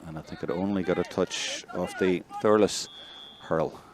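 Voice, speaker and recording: A man with a Northern Irish accent giving live play-by-play commentary, chatty between plays and excitable when a score comes. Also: low-pitched, moderate pace, a crowd in the background. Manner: conversational, excitable on big plays. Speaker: match commentator.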